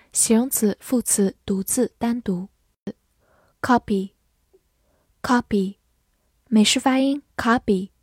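Slow, mellow woman teaching vocabulary. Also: on the high side, dry recording, clean studio sound. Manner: says each English word twice, then defines it slowly. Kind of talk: scripted vocabulary lesson narration.

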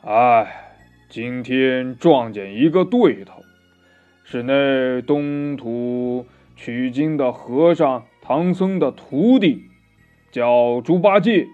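A man voicing a gruff old demon king. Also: medium pitch, slow pace, narrow, tinny audio, soft background music, voice pushed down, natural voice. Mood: gloomy. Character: boastful old male cave demon king.

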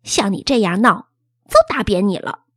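A woman doing a loud, teasing mother. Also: mid-range voice, animated, normal speed, breathy edge, no echo, studio quality, pitched below the performer's own voice. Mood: emphatic. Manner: loud, emphatic, bantering. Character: middle-aged mother, brisk, teasing, affectionate. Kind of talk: storybook reading.

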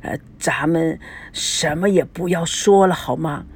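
A grieving old man, put on by a woman reading a novel aloud, talks low and slow in a husky, breathy voice. He coaxes and pleads with his long-lost brother. Storybook narration. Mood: coaxing.

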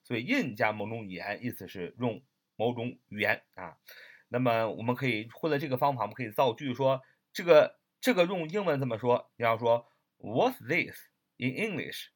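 A man's voice: mid-range voice, fairly quick. A man teaching English vocabulary in a recorded lesson with a Mandarin Chinese accent, patiently repeating words and spelling them out letter by letter.

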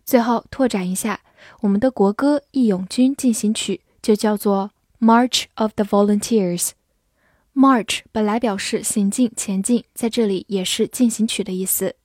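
A woman teaching English vocabulary in a lesson, spelling words letter by letter and reading example sentences slowly. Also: on the high side, a little mellow, no echo, clean studio sound. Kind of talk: slow, clear vocabulary lesson.

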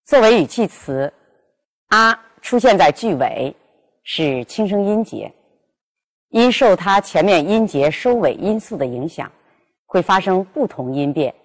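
A woman teaching pronunciation, carefully and deliberately sounding out each example. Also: lowish voice, very animated. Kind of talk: instructional lesson with spoken examples.

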